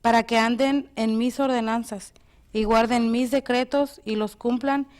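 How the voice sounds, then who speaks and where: A woman's voice: on the high side, fairly even intonation, measured pace, darkish tone. A woman co-hosting a devotional show, steadily explaining and reading Bible verses aloud. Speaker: co-host.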